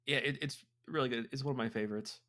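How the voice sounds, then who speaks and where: A man's voice: medium pitch, fairly even intonation, quick pace, pushed and bright. A man hosting a let's play, reading visual novel text aloud and chatting about it between lines.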